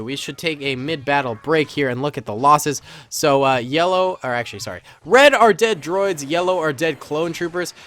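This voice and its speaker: Over a battle simulator game, a gaming channel host gives casual, playful commentary full of slang and frequent chuckles, his nose stuffed up from a cold. His voice is a little high and fairly bright, with slight background noise behind it.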